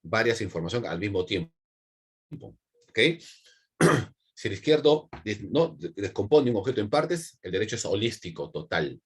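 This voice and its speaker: Husky Peruvian male teacher. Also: fairly low pitch, very animated, moderate pace. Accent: Peruvian Spanish. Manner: repetitive, with frequent check-in tags. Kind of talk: online class lecture.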